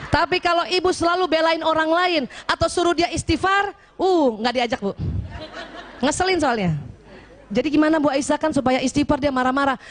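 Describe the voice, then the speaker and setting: A woman from South Sulawesi giving a lively marriage advice talk to a women's gathering, teasing and acting out little scenes while often checking in with her listeners. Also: high voice. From Bugis, South Sulawesi.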